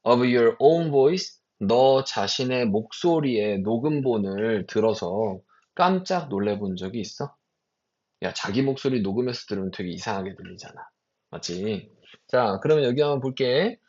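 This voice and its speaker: A lively male teacher gives an exam-prep lecture, his voice rising and falling a lot as he pushes questions at students. He drags out the English phrases slowly and firmly, then rushes through the explanations. The recording sounds dull and muffled. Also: mid-range voice. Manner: animated, rhetorical questions to students; reads English slowly and stressed, Korean quickly.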